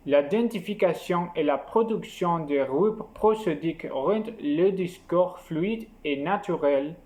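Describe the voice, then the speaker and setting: A man narrating a scripted lesson in a slow, measured, explanatory way. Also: high-pitched, a little mellow. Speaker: teacher.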